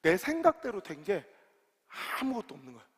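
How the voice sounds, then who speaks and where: A middle-aged male senior pastor preaching an animated storytelling sermon in a large church sanctuary, swinging from loud, excited exclamations to quiet, low confiding. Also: brisk, slightly rough. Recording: long hall reverb.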